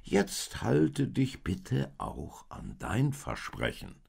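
A man reading a story aloud, voicing a group of curious, slow camels in a wondering tone. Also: mid-range voice, huge pitch swings, vocal fry, darkish tone, breathy edge, voice pushed up, full character voice. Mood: pleading.

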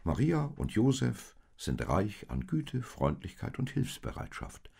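A man's voice: fairly low pitch, wildly swooping pitch, a little slow, gravelly, darkish tone, husky, pitched above the performer's own voice, full character voice. A man reading a story aloud, voicing a loyal, kind little male donkey in an earnest, eager way.

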